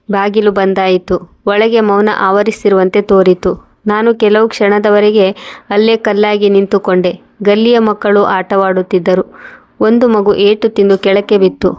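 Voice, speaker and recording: A woman narrating a moral story in a steady, even reading. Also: mid-range voice.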